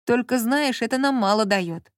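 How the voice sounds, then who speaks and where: A woman's voice: a little high, normal speed, no room sound, studio quality, close to an everyday voice. Woman reading a mild puzzled grown man.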